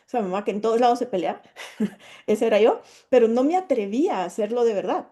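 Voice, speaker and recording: A middle-aged woman from Guatemala, a psychologist, telling her own story in an earnest, expressive way. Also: mid-range voice. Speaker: psychologist and speaker. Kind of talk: personal testimony talk.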